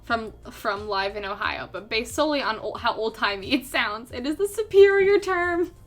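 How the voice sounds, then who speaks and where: This artist streamer, a young woman, talks to her viewers in a slightly high, expressive voice at moderate speed. Her casual livestream chat rambles, with lots of fillers and laughter, over faint background music.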